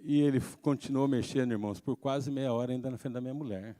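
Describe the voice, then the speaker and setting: A man preaching a sermon as pastor, telling a story in an animated way that swings from soft to shouting. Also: mid-range voice, quick pace. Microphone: handheld microphone.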